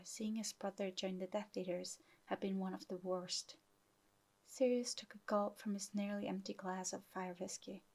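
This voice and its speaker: A woman narrating a fan fiction audiobook in a soft, half-whispered delivery. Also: medium pitch, rough recording.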